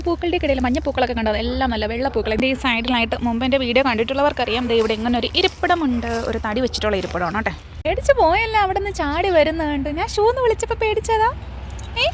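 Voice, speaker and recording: A woman vlogging outdoors in her garden, chatting to a cat in a coaxing way while filming on her phone. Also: high voice. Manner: chatty, coaxing, often cries out "ayyo". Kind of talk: casual vlog talk to a cat. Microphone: phone held while filming. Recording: noisy outdoor phone recording.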